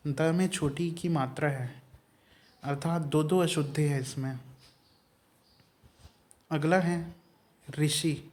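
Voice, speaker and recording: A man's voice: a little high, darkish tone. A man teaching an exam-prep Hindi spelling lesson, explaining each word letter by letter.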